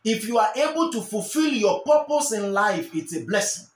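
In a sing-song, high voice at normal speed, a young Nigerian preacher sermonizes to camera from an armchair, his pitch swinging widely. He is fervent, gestures while he speaks, and repeats important phrases, and the small bare room he sits in adds echo.

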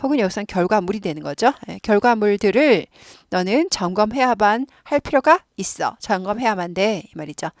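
A woman's voice: medium pitch, expressive, a little fast, no room sound, clean studio sound. Patient Korean woman teaching grammar. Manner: patient, repeats words for drilling. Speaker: English teacher. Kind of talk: explaining English grammar in Korean.

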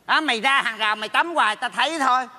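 An actor in a stage comedy sketch playing a meddling neighbor who teases in quick, mocking bursts and speaks with a Southern Vietnamese accent. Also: male voice, very high voice, sharp tone, in a large hall, full character voice. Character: meddling, teasing male neighbor.

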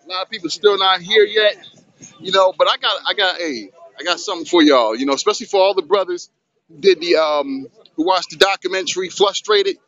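Speaking fast in a bright, high-pitched voice, a middle-aged vlog host rambles in a hyped, streetwise, loose style. He's outdoors on a sunny beach, holding his phone camera, and the recording has dull lo-fi phone audio.

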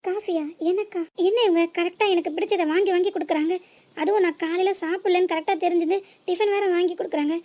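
A woman's voice: extremely high pitch, steady tone, quick pace, dark tone. A woman voicing a puzzled young husband in a cartoon, muttering to himself. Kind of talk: animated cartoon voice acting.

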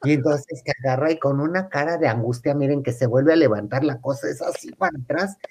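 A comedic storyteller with a Mexican accent tells a funny wedding anecdote to a live audience. His male voice is slightly high and brisk, with a darkish, breathy tone. He's camp and chatty, laughing often and acting out the voices of the people he quotes.

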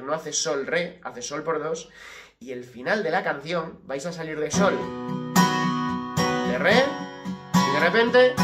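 A man teaching an acoustic guitar lesson, explaining step by step, checking in often and speaking rhythm syllables slowly. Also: fairly high pitch. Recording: loud guitar playing behind voice.

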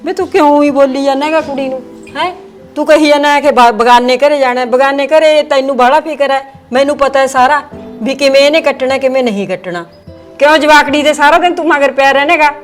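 A woman's voice: high-pitched, fast, faint music behind. A woman with a Punjabi accent playing a mother in a village drama, scolding her son. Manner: defensive, scolding.

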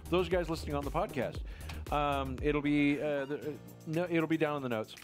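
A man's voice: a little high, a little fast, soft background music. A man in his forties hosting a casual live-stream chat from a small studio on a headset mic, joking as he reads product copy aloud. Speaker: show host. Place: small studio room with posters and string lights.

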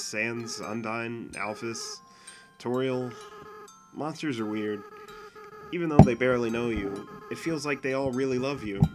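A tearful, remorseful young goat monster boy from a game, speaking softly and earnestly, as a man voices him. His voice sits in a middle register. Clear background music plays under the lines. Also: medium pitch, lightly acted. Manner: soft, pleading and earnest. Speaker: fan voice actor. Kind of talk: fan dub of a game scene.

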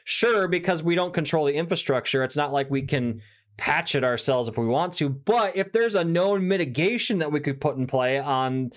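A man's voice: a little high, lively intonation, normal speed. A man hosting a podcast interview in a casual way, often adding "right?" and "you know". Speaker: podcast host.

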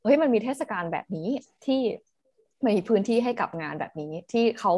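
A woman theatre artist on a panel, talking casually over a video call in an animated, slangy way. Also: on the high side. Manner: animated, slangy, fast storytelling.

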